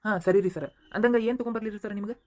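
A voice actor playing a police constable in a cartoon, obedient to his boss and loud and rough with the prisoner. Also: medium pitch, steady tone, quick pace, natural voice. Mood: obliging. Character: quick-talking male police constable.

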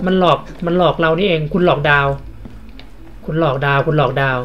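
A man's voice: on the high side, brisk, lo-fi sound, faint music behind. A man giving casual gameplay commentary in a chatty way, repeating short phrases and swearing playfully.

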